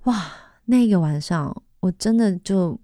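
A woman's voice: medium pitch, lively intonation, unhurried, mellow, no room sound, studio quality. A middle-aged woman from Taiwan, telling a personal story as a talk show guest and acting out the voices of people in it. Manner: vivid, acts out quoted voices.

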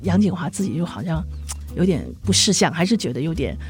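A woman's voice: deep voice, quick pace, faint music behind. A woman co-hosting a casual entertainment gossip chat, telling stories and acting out what people said. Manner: animated storyteller acting out quoted people.

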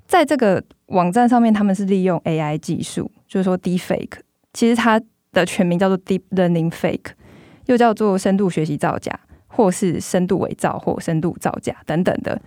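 A woman's voice: fairly low pitch, normal speed, darkish tone, no echo, studio quality. A woman with a Taiwanese accent hosts a podcast as a journalist, speaking through a face mask. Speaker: magazine journalist hosting a podcast. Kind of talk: podcast hosting, semi-scripted narration and discussion.

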